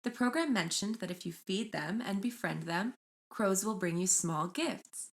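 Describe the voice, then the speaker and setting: Woman podcast co-host, mid pitch, chatty storyteller reading stories aloud. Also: measured pace. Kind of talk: casual chat and storytelling.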